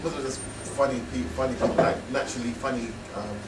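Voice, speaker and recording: In a noisy, echoey hall picked up by a distant mic, a man tells his own story casually, frank and rambling with laughing asides. He speaks fast at a medium pitch with fairly even intonation.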